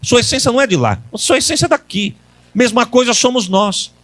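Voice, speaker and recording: High-voiced preacher man. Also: expressive, fairly quick. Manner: call-and-response with congregation, rising to loud preaching; folksy storytelling with colloquial grammar. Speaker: pastor. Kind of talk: Pentecostal sermon with storytelling. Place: church service.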